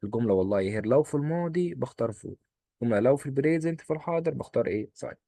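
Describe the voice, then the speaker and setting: A man with an Egyptian Arabic accent teaching a German exam-prep lesson, quizzing and answering his own questions in quick drills. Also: mid-range voice, lively intonation, dark tone, dry recording. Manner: coaxing, repeats rules in quick drills.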